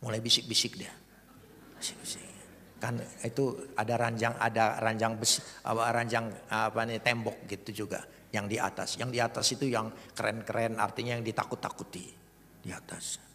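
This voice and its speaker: Bright-voiced male preacher in a hall. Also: fairly low pitch, brisk. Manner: animated, swings from hushed asides to loud outbursts. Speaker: pastor. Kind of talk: storytelling sermon. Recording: reverberant hall with faint noise.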